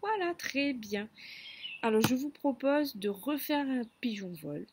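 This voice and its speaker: A woman teacher giving a children's phonics lesson, speaking slowly and clearly and stretching out words for listening games. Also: high-pitched, animated, noisy background.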